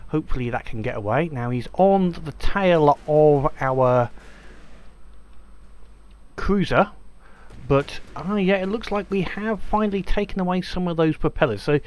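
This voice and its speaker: A man's voice: fairly high pitch, measured pace, a little mellow. A man giving casual let's-play commentary, chatty and hesitant with many ums and restarts. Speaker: gameplay commentator.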